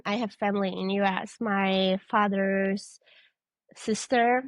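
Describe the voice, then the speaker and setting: With a Polish accent and a mid-range, steady voice, this young triathlete takes her time as a podcast guest in a relaxed interview. She gropes for English words, frequently restarts and laughs softly, and the recording has no echo.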